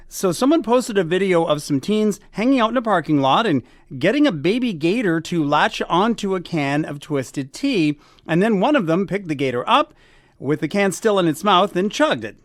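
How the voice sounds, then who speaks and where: A male morning radio host with a high, very lively voice that swings up and down as he reads quirky news items and adds wry remarks. The sound is dry and close, straight off a studio mic. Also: no echo. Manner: chatty, wry asides. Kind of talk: reading news stories on air.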